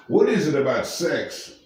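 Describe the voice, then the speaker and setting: A man's voice: fairly high pitch, a little mellow, echoey room, recorded from a distance, slight background noise. A man preaching informally to camera, emphatic and firing rhetorical questions at the listener. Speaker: street preacher.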